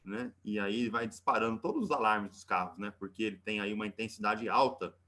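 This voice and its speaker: This Brazilian-accented physics teacher is a bit fast and sharp-toned, his voice on the low side. Leading a live online class, he chats, teases with jokes, and tacks a questioning "né?" onto nearly every phrase.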